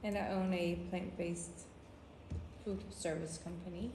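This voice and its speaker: A woman introducing herself as a guest at a club meeting in a relaxed, chatty way. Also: fairly low pitch, measured pace. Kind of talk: casual self-introduction. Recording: echoey room with background noise.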